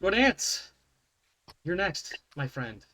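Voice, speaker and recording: A man's voice: sits high, takes it slowly. A man hosting as game master in casual, sweary group banter, often interrupting himself. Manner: sweary, self-interrupting, animated. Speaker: game master and show host.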